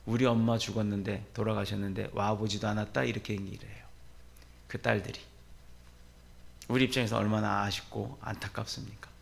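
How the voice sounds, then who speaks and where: A middle-aged male pastor preaching a sermon, moving from quiet storytelling to loud, rising exhortation. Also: lowish voice, flat delivery, a little fast, creaky.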